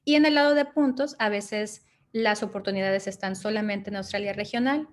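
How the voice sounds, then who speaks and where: Woman walking through visa rules step by step, medium pitch, keeps tossing in little "ok?" checks, calm advisor tone. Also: moderate pace. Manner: methodical, checks in with tag questions. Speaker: migration and study-abroad advisor. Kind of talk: explanatory interview answers.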